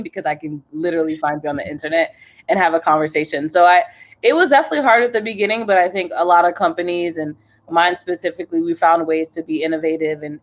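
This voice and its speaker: A young woman from New Jersey, a journalist, talking in an upbeat, chatty way and laughing often as a guest on a video call interview. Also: lowish voice. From New Jersey, USA.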